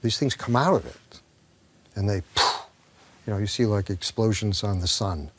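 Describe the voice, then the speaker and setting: A man's voice: on the low side, moderate pace, very noisy. A man, an actor, talking reflectively in an interview and telling a story with acted-out dialogue, sometimes dropping to a whisper.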